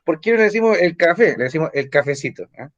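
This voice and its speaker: A man's voice: a little high, animated, quick pace, dull audio. A man with a Chilean accent, teaching an online evening language class and explaining with rhetorical questions and tag questions. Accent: Chilean Spanish. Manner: explanatory, asks rhetorical questions, frequent "¿ah?" tags. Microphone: computer or phone mic on a video call.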